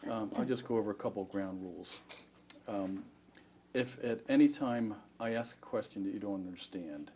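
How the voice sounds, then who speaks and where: This man, acting as the plaintiff's attorney, questions a witness in a formal deposition with a polite, methodical, procedural approach. He has a warm, fairly low-pitched voice and keeps a moderate pace, with faint room noise in the background.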